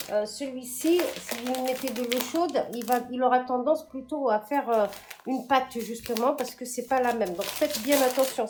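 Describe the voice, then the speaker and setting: A woman's voice: a little high, a little mellow, slight background noise. A woman in her thirties chatting casually about her groceries, hesitant, with many fillers and restarts. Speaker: cooking vlogger. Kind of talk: casual shopping haul chat.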